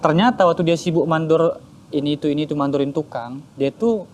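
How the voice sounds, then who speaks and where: A man telling his personal conversion story in a casual interview, animated and acting out his parents' voices. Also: a little high, a little fast, slight background noise. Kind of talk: casual spoken testimony.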